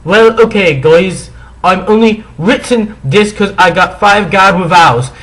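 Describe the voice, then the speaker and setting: A man's voice: sits high, measured pace, fairly bright tone, pitched above the performer's own voice, rough recording. A man voicing a whiny, defensive, melodramatic teenage goth girl author in a comic dramatic reading. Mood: shrill indignation. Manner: whiny, indignant, histrionic.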